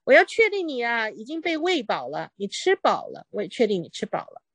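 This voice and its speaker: A woman's voice: a little high, huge pitch swings, fairly quick, a bit bright, dry recording. Woman explaining English phrases in Mandarin. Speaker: English teacher. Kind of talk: Mandarin-language English reading lesson.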